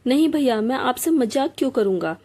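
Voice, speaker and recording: A woman reading a storybook aloud, voicing an earnest young man who gently pleads with his older brother. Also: sits high, animated, a little fast.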